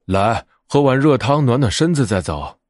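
A man voicing a warm-hearted, inviting male polar bear in a storybook. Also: medium pitch, animated, normal speed, no echo, clean studio sound, natural voice. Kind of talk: storybook character voice.

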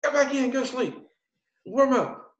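A gruff army drill sergeant barks his orders in a voice pushed well up from the speaker's own as a man acts him out. The sound is roomy and a little dull. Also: very high-pitched, lively intonation, measured pace, voice pushed up. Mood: amused barking. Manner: barking, then laughing hard.

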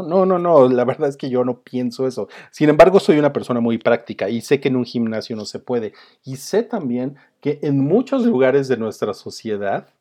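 A man's voice: medium pitch, a little mellow. Rambling Mexican man musing at home. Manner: rambling, chuckles often, many fillers. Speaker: host. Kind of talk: casual monologue. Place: home, with a dog nearby.

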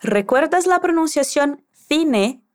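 A woman guides a scripted language lesson at an unhurried pace, her voice rising and falling a lot. She is patient and encouraging and keeps prompting the listener to repeat after her. Her voice sits a little higher than most women's. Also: animated, darkish tone. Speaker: language teacher.

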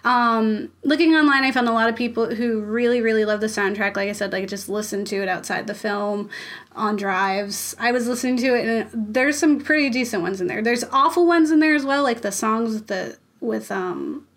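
A young woman co-hosting a podcast in relaxed, casual chat. Her voice sits a little high, and her talk is full of fillers and quick laughs. Now and then she breaks into playful imitations of other voices. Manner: chatty, many fillers, laughs often, mimics voices. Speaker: podcast co-host.

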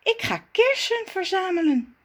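A woman voicing a vain young female critter in a storybook, fussy about her looks, with a shrill, chirpy voice. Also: animated, a little slow, fairly bright tone, full character voice. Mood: cheerful. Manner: shrill and chirpy, squealing when scared.

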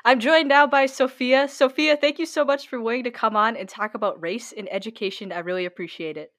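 A woman's voice: a little high, fairly quick, fairly bright tone. A young woman hosting an interview podcast, earnestly introducing the show and asking her guest questions. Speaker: podcast host.

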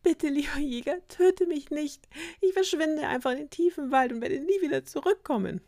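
Storybook girl, high and tearful, begging; a woman voices her. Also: animated, moderate pace, darkish tone, no echo, studio quality. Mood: pleading.

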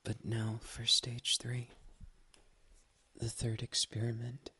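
A speaker performing an ASMR roleplay as a doting partner, whispering softly, close to the mic, affectionate and teasing. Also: medium pitch, completely flat delivery, slow, husky. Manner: soft, intimate whispering.

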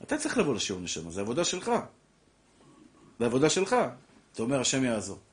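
A middle-aged man, a rabbi giving a lively Torah class who preaches through rhetorical questions and calls his listeners fondly. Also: medium pitch. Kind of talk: animated Torah lecture.

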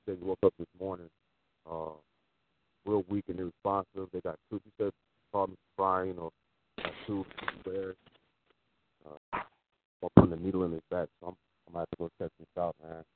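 Deep-voiced man on a breaking-up phone call. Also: little pitch movement. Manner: hesitant, halting, many fillers. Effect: phone call breaking up, dropping out. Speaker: caller. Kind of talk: casual call-in chat. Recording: tinny phone line with faint noise.

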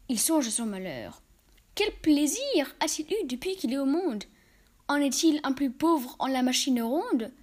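High-voiced woman reciting verse fables. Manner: measured, expressive recitation. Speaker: reader.

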